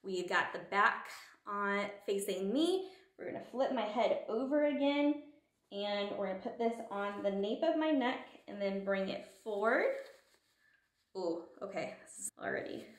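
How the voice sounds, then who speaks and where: A woman vlogger talks through a product review in a loose, chatty way, with filler words everywhere and the odd whisper. Her voice sits at a middle pitch. The room around her rings with a noticeable echo. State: morning voice. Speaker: beauty vlogger. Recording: echoey room.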